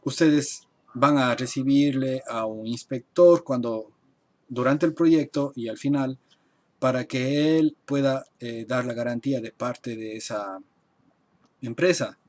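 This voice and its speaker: Man teaching slowly at his computer. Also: mid-range voice. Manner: explains slowly, repeating and translating terms step by step. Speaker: architect teaching construction English. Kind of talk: live-streamed online class. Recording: faint noise and keyboard typing. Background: keyboard typing.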